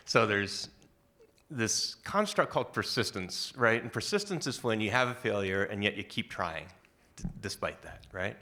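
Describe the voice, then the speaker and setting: A man with a low voice speaks on a conference panel as an author with a psychology background. His delivery is casual and wry. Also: sharp tone. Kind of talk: panel self-introduction. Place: conference hall stage.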